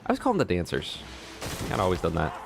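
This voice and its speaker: A man's voice: deep voice, huge pitch swings, racing, creaky. A man streaming a game, chatting and joking casually with his chat. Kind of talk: casual gameplay livestream commentary.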